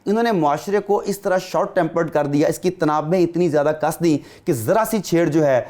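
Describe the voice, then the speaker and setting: On a podcast, a male guest lecturer explains things earnestly and emphatically, firing off rhetorical questions and mixing in English words. His voice is a little high with a darkish tone.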